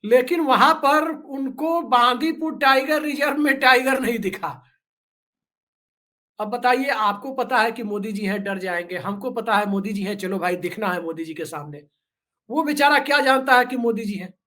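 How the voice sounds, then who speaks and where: A man with a notably high-pitched voice talks as a guest commentator in a casual political discussion. He is sarcastic and joking, drifting into storytelling asides to make his points. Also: normal speed, pushed and bright.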